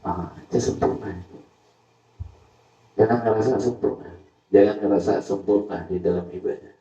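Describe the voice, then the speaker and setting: A man preaching a sermon to a study gathering, emphatic and repetitive, at times swelling into loud pleading. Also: fairly low pitch, normal speed. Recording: roomy, distant, dull live-stream sound.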